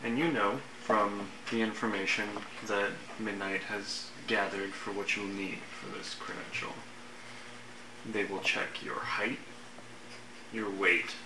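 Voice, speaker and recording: A man's voice: fairly low pitch, little pitch movement, slow pace, recorded from a distance. A man narrating a tabletop game as the game master. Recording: echoey room with loud noise.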